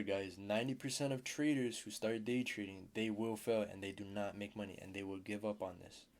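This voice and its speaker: Man, lowish voice, trading mentor, blunt, casual lesson, repeats key terms. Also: darkish tone, a little hiss or hum.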